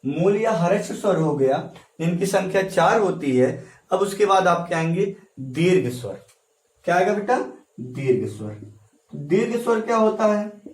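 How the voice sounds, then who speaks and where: A male teacher giving a classroom lecture, repeating key phrases slowly and quizzing his students as he writes on a board. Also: high-pitched, expressive, a little mellow. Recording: echoey room, voice from a distance.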